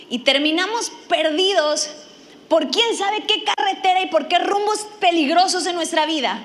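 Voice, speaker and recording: High-voiced lively woman preacher. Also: a little hiss or hum. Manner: animated, self-mocking, acts out her own quotes. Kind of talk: humorous sermon storytelling.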